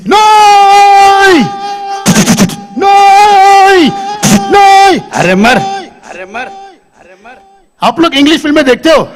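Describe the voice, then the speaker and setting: A man doing live stand-up comedy on a stage, talking to the audience into a handheld microphone and quizzing them. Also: very high voice.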